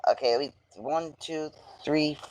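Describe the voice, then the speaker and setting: A man playing a board game, thinking aloud quickly as he picks his gear and route. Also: fairly high pitch, slight background noise. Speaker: player. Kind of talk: casual game talk.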